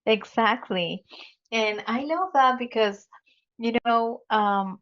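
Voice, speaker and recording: A woman's voice: on the high side, slow. A woman hosting a podcast interview, giving a formal, effusive introduction. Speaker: podcast host. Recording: dull lo-fi audio.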